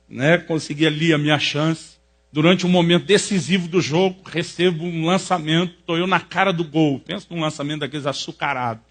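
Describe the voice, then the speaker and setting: Brazilian pastor guy, husky, kinda high voice, funny animated sermon stories. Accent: Brazilian Portuguese. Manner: animated, jokey storytelling with rising excited peaks. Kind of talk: sermon storytelling.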